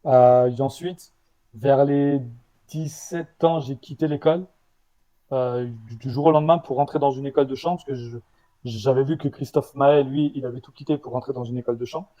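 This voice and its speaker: A man with a slight leftover stutter, a startup founder answering interview questions in a halting way, with many restarts. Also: mid-range voice, steady tone, warm tone, muffled recording. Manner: halting, with restarts and repeated words.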